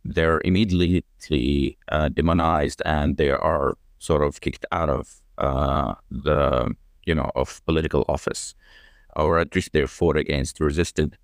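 A man speaking as a podcast guest, explaining at length in a measured way, with frequent fillers and restarts. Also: very deep voice, steady tone, no room sound, studio quality. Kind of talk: conversational explanation.

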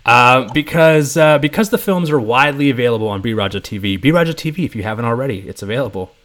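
A man's voice: medium pitch, animated, fast talker, a bit bright. A man hosting a casual podcast interview over a video call, joking and laughing often. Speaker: podcast host.

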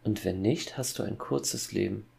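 A man voicing a calm, cold young boy who quietly threatens his father in a horror fairy-tale audiobook. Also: on the low side, normal speed, gravelly. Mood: cold menacing.

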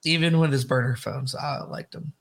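A man co-hosting a casual sports podcast, animated and emphatic, often repeating himself. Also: mid-range voice, moderate pace, vocal fry. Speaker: podcast co-host.

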